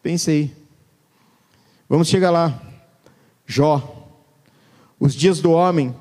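A man preaching a sermon in a church, turning from loud emphasis to hushed, low words as he reads scripture. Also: extremely slow. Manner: dramatic, swings between loud and hushed low voice. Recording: long church reverb.

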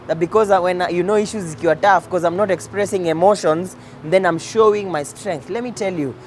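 A man's voice: sits high, a little hiss or hum. A Kenyan-accented man giving an informal, emphatic motivational talk, mixing English with Swahili slang and repeating phrases for effect. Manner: code-switches between English and Swahili slang. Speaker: host addressing men on faith and life.

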